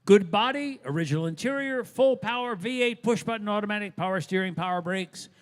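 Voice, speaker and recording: High-voiced man announcing in a reverberant hall. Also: a little fast. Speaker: auction announcer describing lots. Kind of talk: live announcing and commentary.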